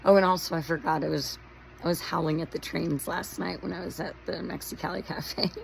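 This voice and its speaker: Hoarse, raspy woman vlogger with a low, gravelly voice; chatty, tangent-prone storyteller. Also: fairly even intonation, brisk, slight background noise, low-quality recording. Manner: rambling, chatty, lots of fillers and tangents. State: hoarse from shouting. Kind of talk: casual storytelling monologue.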